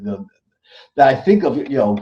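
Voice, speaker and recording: Heard through dull lo-fi audio, a US author being interviewed on a podcast talks at normal speed in a medium-pitched, mellow voice with big pitch swings. He's emphatic, frequently stumbling over and repeating words.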